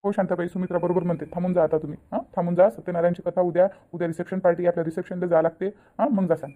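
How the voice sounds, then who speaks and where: A woman voicing a patient middle-aged village man in a cartoon, coaxing others to calm down. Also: fairly low pitch, rapid-fire, phone-quality sound, close to an everyday voice. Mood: persuading.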